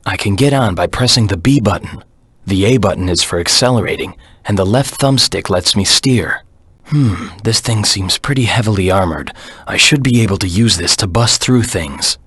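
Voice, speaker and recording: A man voicing a brooding, serious hedgehog antihero in a video game, with a low husky rasp and a measured, deadpan delivery. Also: no echo, full character voice. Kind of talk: scripted game tutorial voice acting.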